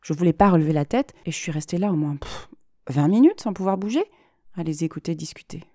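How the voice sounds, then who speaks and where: A woman's voice: lowish voice, lively intonation, fast talker, warm tone, no room sound, studio quality. A woman reading as an anxious, self-mocking young woman. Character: anxious young woman talking to her therapist. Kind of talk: dramatic reading.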